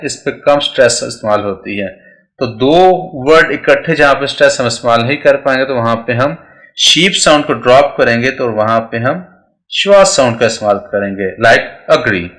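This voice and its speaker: Guy with explaining english sounds step by step, bright clear voice. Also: mid-range voice. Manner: explains step by step, checks in with listeners. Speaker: English pronunciation teacher. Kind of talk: explaining pronunciation rules.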